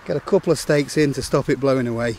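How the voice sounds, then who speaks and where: A man in his forties calmly talking through a camping setup, step by step, in an open meadow outdoors. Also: medium pitch, fast, slight background noise. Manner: plain, matter-of-fact instructional talk. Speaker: outdoor gear vlogger.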